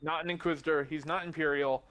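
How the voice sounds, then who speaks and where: A man co-hosting a podcast in a casual chat, excitable and restarting his sentences as he goes. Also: a little high, smooth. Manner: quick, excitable, stumbling restarts. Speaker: podcast co-host.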